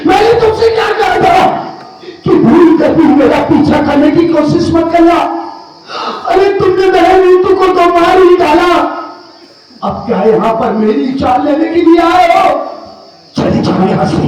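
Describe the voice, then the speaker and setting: A man playing an angry, grieving young man in a folk stage drama, speaking declamatorily with shouted outbursts and sung lines. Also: extremely high pitch. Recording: echoey far-off stage mic with music and crowd.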